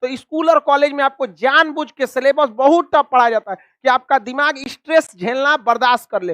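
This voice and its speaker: A man teaching a classroom map lesson, scolding students and drilling them with quick repeated questions. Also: very high voice, fairly bright tone, no room sound. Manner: scolding, calls students donkeys.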